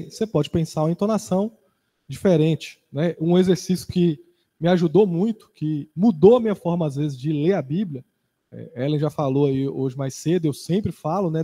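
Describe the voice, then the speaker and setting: Mellow high-voiced Brazilian man in reverberant hall. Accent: Brazilian Portuguese. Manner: relaxed, conversational, personal anecdotes. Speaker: Bible class co-teacher. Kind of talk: casual Bible class talk.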